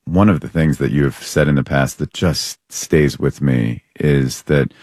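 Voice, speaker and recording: A man hosting a show, asking gentle, searching questions with some hesitations. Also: extremely low pitch, a little slow, no room sound, clean studio sound. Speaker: podcast host. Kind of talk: interview questions.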